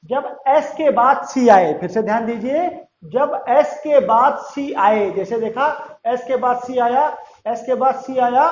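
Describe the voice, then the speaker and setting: A man with a high voice teaches a class, drawing out each rule slowly and repeating it several times. He keeps turning to his students with questions and then answers them himself. The sound is roomy and a little dull. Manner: slow, drawn-out repetition of rules; addresses students directly, asks and answers questions. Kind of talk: classroom-style lesson.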